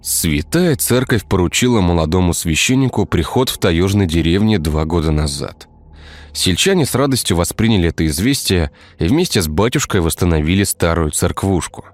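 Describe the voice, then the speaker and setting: A man narrating a dark village tale in a scripted storytelling style. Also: low voice, expressive, moderate pace, no echo. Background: faint music.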